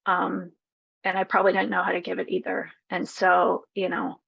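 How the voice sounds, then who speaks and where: A woman healer giving a soft, reflective personal testimonial. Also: lowish voice, monotone, normal speed, vocal fry, breathy edge. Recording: dull lo-fi recording.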